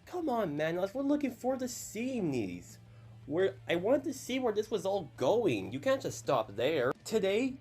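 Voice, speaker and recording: Casual and chatty, a YouTuber in his early twenties hosts with a youthful voice that is medium-pitched, a little mellow and edged with breathiness. He often adds apologetic asides.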